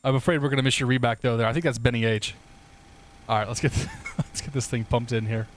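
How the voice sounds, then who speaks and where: A young man streams a flight simulator and chats casually with his viewers, laughing often and swearing now and then in a laid-back way. His voice sits at medium pitch with a steady tone, and he talks fast.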